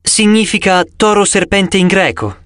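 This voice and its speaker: A man's voice: sits high, unhurried, fairly bright tone, no echo, studio quality, pitched above the performer's own voice. A man voicing a blunt teenage girl. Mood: plain.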